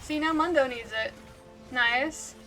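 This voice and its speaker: A woman's voice: high voice, takes it slowly, over music. A woman livestreamer giving chatty, giggly gaming commentary, laughing often.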